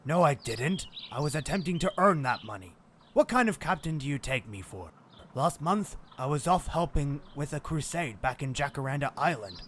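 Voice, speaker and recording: A man's voice: a little high, lively intonation, normal speed, fairly bright tone, slight background noise. A man voicing a hard-drinking, roguish animal sea captain in an audio drama. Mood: hearty.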